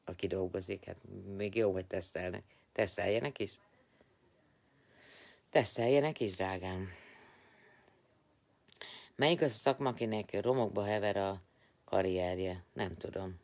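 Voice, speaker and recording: Low-pitched, tired man hosting a live stream, chatty and teasing with viewers. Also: vocal fry, pauses often, a little mellow. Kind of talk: casual live-stream chat, greeting and answering viewers.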